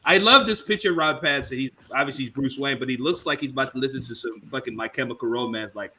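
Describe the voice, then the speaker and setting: A man's voice: medium pitch, fast talker, noisy background. A man hosting a casual comedy panel chat, joking around and acting out quotes in silly voices. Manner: animated, jokey, acts out quotes in silly voices. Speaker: host.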